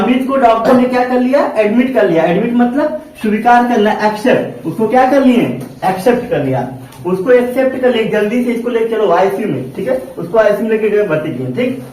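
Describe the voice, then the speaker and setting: A man's voice: very high-pitched, a little mellow. A male teacher giving a vocabulary lesson in a classroom, asking questions and answering them himself. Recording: very echoey room, distant mic.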